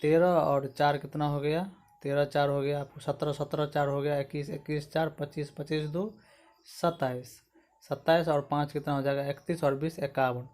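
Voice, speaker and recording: A man's voice: on the high side, little pitch movement, normal speed, a little mellow. A man teaching a grammar lesson for exam preparation. He explains step by step and keeps asking his viewers whether they have understood. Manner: explains step by step, often asks "समझ गए दोस्तों?".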